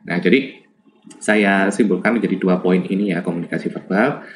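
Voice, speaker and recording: A man's voice: low voice, normal speed. A man from Java giving an informal lecture on lab communication, chatty and full of fillers and tag questions. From Java, Indonesia.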